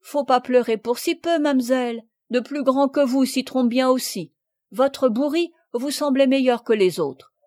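An earnest, talkative country boy from a storybook reading, put on by a woman narrator. The voice sits high and carries, pressing kindly advice in rustic speech. The sound is dry and close. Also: unhurried, a little mellow, no room sound. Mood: earnest, consoling.

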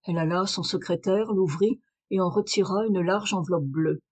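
A woman reading a classic detective story aloud as audiobook narrator, in steady, clear storytelling. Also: on the low side, normal speed. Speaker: audiobook reader.

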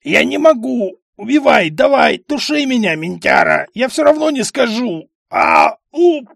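A man voicing a panicked, burly male bandit who yells and begs in a shrill, strained voice. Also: lively intonation, moderate pace, creaky, husky, no room sound, studio quality, full character voice. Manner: shrill, yelling and begging.

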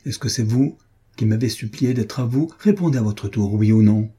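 A man's voice: fairly low pitch, moderate pace, warm tone, slightly rough. Man reading Hélène, a furious wounded woman. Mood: indignant. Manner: impassioned, pleading, ironic reproach. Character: wounded, furious woman confronting her lover. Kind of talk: audiobook reading of a classic novel.

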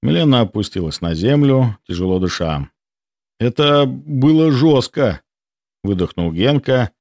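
Low expressive male audiobook narrator. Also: no echo, studio quality. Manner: expressive first-person storytelling.

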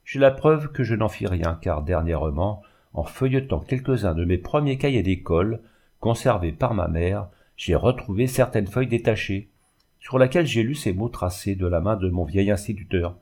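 A man reads a classic story aloud in a measured, expressive narration. His voice is mellow and dark, and it sits somewhat low. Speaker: audiobook reader.

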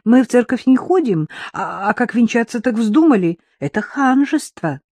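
A young bride in an audiobook who speaks earnestly and a little wistfully, as a narrator puts her on. She sounds sincere and quick to take a side. The tone is mellow, and the recording is dry. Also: mid-range voice, sing-song, dry recording, voice pushed up.

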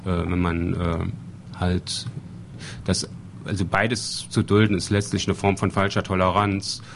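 A man speaking on a political panel, halting, with many fillers and repeated words. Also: low voice, level tone, vocal fry. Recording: recording with faint background noise.

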